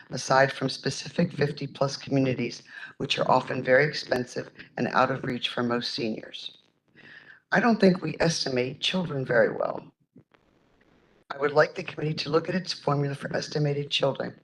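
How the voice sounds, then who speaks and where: A man and local senior-housing advocate reading prepared testimony at a public hearing in a measured way. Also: medium pitch, slight background noise, low-quality recording. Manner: measured, reads prepared remarks.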